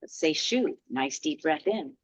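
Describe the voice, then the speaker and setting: A woman teaching a qigong class, guiding breathing and healing sounds in a gentle, encouraging way. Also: fairly low pitch, animated, unhurried, no echo, muffled recording. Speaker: qigong instructor.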